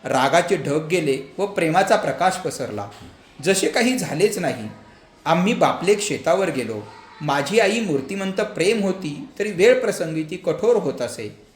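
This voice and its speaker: A man narrating a storybook aloud in an expressive, lively way. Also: a little high, a little slow. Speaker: story reader. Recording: echoey room, faint background hum.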